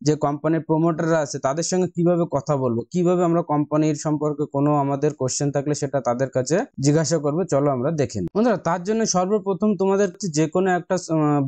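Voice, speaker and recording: Speaking rapid-fire in a slightly high, animated voice with a dark tone, an Indian Bengali-accented man hosts an investing tutorial. He narrates casually step by step, treating viewers as friends and instructing them. There's no room sound.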